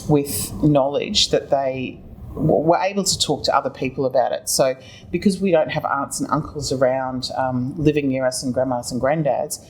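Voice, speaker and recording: Low-voiced Australian woman, noisy recording. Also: normal speed, darkish tone. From Tasmania, Australia. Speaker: interview guest, children's book author. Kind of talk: conversational personal account in an interview.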